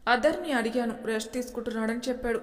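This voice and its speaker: A woman voicing a quick-tempered but innocent young wife who apologizes and frets. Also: a little high, big-room sound, natural voice. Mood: anxious.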